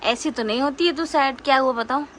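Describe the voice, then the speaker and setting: Young woman, casual home vlog, slightly high voice, faint background noise. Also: a little fast, a bit bright, rough recording. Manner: coaxing, tender, repeats questions. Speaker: vlogger.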